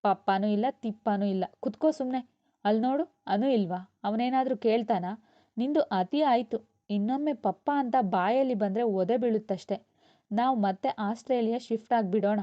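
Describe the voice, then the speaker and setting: A woman's voice: a little high, natural voice. Woman voicing a weary scolding mother. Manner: scolding and brisk. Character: weary, short-tempered young mother. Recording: dull lo-fi.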